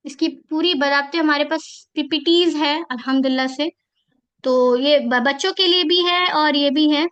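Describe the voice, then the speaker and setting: A woman's voice: high-pitched, normal speed, a bit bright, dull audio. A woman teaching Quran reading at a workshop, explaining steps and chanting syllables in singsong rhymes. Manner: explaining with frequent "theek hai" checks. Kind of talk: teacher training workshop lesson.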